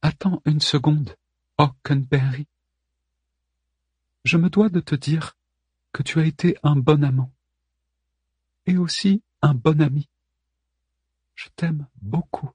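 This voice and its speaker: A man voicing Helen, a soft scheming woman. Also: on the high side, takes it slowly, pauses often, breathy edge, no echo, muffled recording, voice pushed up. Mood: tender. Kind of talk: audiobook character reading.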